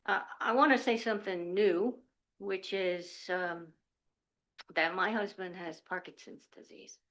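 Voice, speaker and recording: An older woman giving a public comment at a county meeting, upset and halting, her voice shaking as she pleads and apologizes. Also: mid-range voice, steady tone, fairly bright tone. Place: county commission meeting room.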